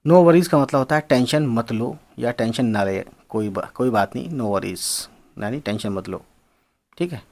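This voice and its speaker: This man has a mid-range, slightly mellow voice and takes his time. He's giving a laid-back lesson on English slang words, spelling each one and repeating phrases while treating his audience as friends.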